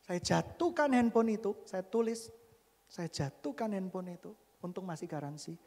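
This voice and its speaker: A male pastor preaching with a personal story, dramatic and jokey, jumping from loud shouts to near whispers. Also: sits high, expressive, normal speed. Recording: long reverb of a church hall.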